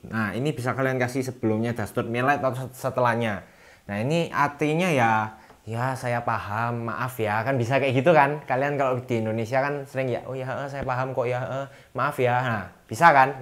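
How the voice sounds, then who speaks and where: A young man talks through a relaxed language lesson in a loose, chatty way. He acts out little sample complaints in a livelier voice, then slows down carefully to say each foreign phrase. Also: medium pitch. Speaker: language teacher. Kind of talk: casual lesson explaining phrases.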